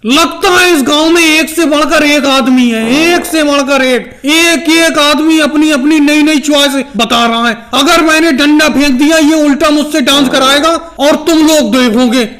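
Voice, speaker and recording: A brash street showman with a dancing bear, played by a man hawks to the village crowd in a very high, squeaky cartoon voice. He answers requests with curt, bossy retorts, and the whole figure stays comic and cocky. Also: unhurried, few pauses. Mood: brusque. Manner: loud hawking calls, brusque retorts.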